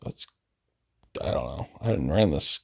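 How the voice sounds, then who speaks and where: A man's voice: rumbling low, animated, a little slow, vocal fry, a little mellow, breathy edge. A man giving casual, rambling commentary while browsing a video game roster, hesitant and often correcting himself, losing his voice. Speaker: gaming video host.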